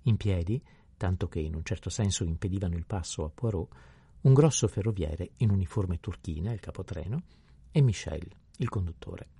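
A man reads an audiobook in a very deep, gravelly voice with a dark, husky tone. He narrates at an even, measured pace, and the recording sounds dry and close. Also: no room sound.

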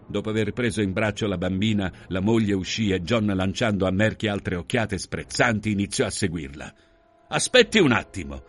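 A man narrating a literary novel in a measured, expressive reading. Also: fairly low pitch. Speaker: audiobook reader.

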